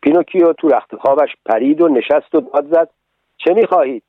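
A man narrating a storybook reading in a steady, measured way. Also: on the high side, dry recording. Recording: tinny lo-fi radio broadcast, dry.

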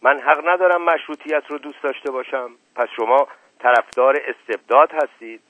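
A man's voice: mid-range voice, fairly even intonation, no echo, lightly acted. A man voicing a sly, flirtatious nobleman who mutters teasing asides and mock blessings, on a dry, tinny lo-fi radio recording.

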